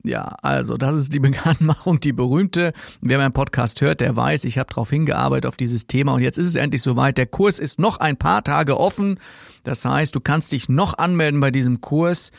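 A man's voice: mid-range voice, normal speed, creaky, dry recording, studio quality. A man hosting a podcast as a sales trainer, talking casually and directly, laughing as he mocks stock sales phrases.

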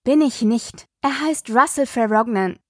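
A woman reading an audiobook, voicing a calm, dryly joking mother. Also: fairly high pitch, unhurried, no room sound, studio quality. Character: wry, patient mother driving her daughters.

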